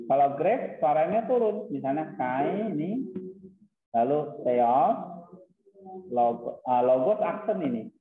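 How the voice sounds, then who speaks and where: Man, teacher, casual lecture, unhurried, echoey room. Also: mid-range voice, expressive, a little hiss or hum. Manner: explains slowly, mixing in English terms. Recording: tinny phone-like, roomy echo.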